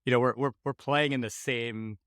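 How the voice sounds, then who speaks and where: A man from the United States hosting a podcast, chatting in an animated, rambling way with casual swearing. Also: medium pitch, moderate pace, clean tone, dry recording, clean studio sound. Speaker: podcast host. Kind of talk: casual conversation.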